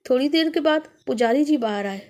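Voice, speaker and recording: A woman narrates a ghost story with a dramatic, suspenseful delivery. Her voice sits noticeably high. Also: expressive, brisk, a little mellow.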